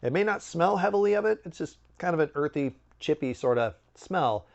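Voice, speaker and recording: A man's voice: fairly high pitch, expressive, fairly quick, creaky. Man, snack reviewer, chatty, wry, very varied intonation, slightly muffled audio. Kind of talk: casual chatty review to camera.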